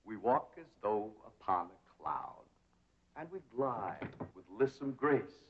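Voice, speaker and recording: A man's voice: fairly low pitch, sing-song, slow pace, a little hiss or hum, heavily acted. An actor playing a pompous young man who fancies himself a cultured drama teacher, speaking in grand, theatrical tones. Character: pompous young man tutoring a country girl. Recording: dull 1960s TV soundtrack.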